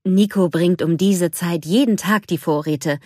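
Calm storybook cook, read by a woman, low and patient. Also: unhurried, no room sound, clean studio sound. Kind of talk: storybook reading.

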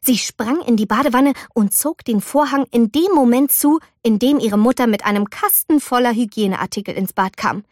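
Brief: female storybook narrator, slow and animated, fairly high voice, dry close sound. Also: no echo. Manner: expressive, animated. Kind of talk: storybook reading.

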